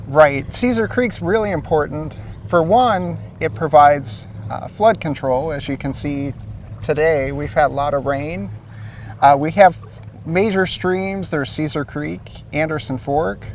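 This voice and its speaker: Recorded outdoors beside a lake, a male guest from Ohio who coordinates source water protection explains how his city's water supply works. He's easygoing and uses some fillers, and his voice sits on the high side and moves a little slowly. He's far from the mic, with slight background noise.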